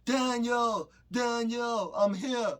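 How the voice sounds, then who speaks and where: Man doing a bossy, yelling mom, high and bright. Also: fairly even intonation, brisk, lightly acted. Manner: loud yelling, insistent. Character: strict mother calling out loudly for her son.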